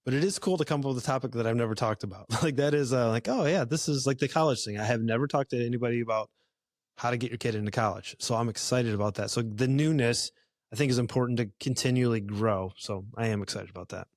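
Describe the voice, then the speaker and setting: A man's voice: mid-range voice, fast, no room sound, clean studio sound. A man hosting a podcast, chatting casually in an easygoing way with lots of fillers and restarts. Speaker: podcast host. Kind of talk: casual conversation.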